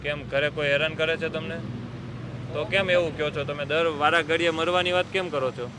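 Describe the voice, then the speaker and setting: Gentle coaxing social worker. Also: male voice, fairly high pitch, steady tone, a little fast. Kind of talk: calm persuasion and explanation. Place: outdoors by a road. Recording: outdoor traffic noise.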